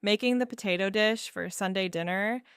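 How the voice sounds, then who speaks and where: Gravelly, smooth-voiced woman telling her story. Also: medium pitch, a bit bright, no echo, studio quality. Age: 30s. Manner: measured, wry, with fillers and small laughs. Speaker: narrator. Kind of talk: first-person storytelling.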